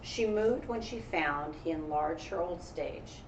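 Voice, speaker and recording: With a deep voice and measured pace, a woman teacher from America reads a picture book to children, pausing for encouraging and thoughtful comments. The recording is roomy with a distant mic, faint background noise and cut-off highs.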